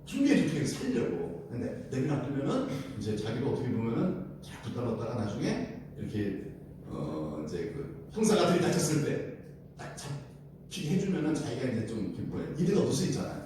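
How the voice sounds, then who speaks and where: Lively pastor in an echoey church. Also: male voice, mid-range voice, a little fast, recorded from a distance, slight background noise. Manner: animated, asks the congregation questions and acts out scenes. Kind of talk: sermon at a midweek prayer service.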